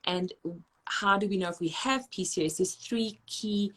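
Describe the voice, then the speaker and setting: A woman, a registered dietitian explaining nutrition and hormones in fast, emphatic conversation with frequent restarts. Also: mid-range voice.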